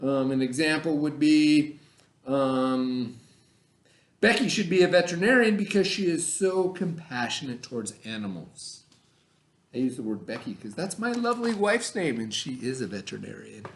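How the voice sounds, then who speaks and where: A middle-aged man with a medium-pitched, animated voice speaks at a moderate pace. As an elementary school teacher, he gives children a read-aloud lesson over remote video, explaining casually, checking understanding with questions and repeating himself. The recording has an echoey room sound.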